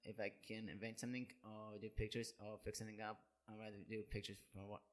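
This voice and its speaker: A young man in his twenties answering interview questions in a halting, hesitant way, often restarting his sentences. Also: lowish voice, completely flat delivery. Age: 20s. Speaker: guest, job seeker.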